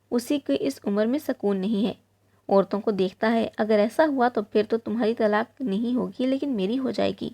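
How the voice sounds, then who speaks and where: A woman narrating an emotional moral story in the first person, in an earnest, steady storytelling tone. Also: a little high.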